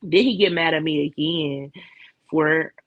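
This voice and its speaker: A woman's voice: low voice, measured pace, dry recording, phone-quality sound. Co-host, woman, chatty and blunt, recorded dry with no room sound. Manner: candid, profane storytelling with lots of fillers. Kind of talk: casual chat.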